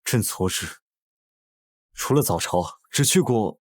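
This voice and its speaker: Deep husky emperor, stately and indulgent, period palace drama. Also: male voice, animated. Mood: concerned. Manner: stately, measured imperial speech. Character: indulgent, commanding emperor devoted to his consort. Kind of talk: costume drama acting.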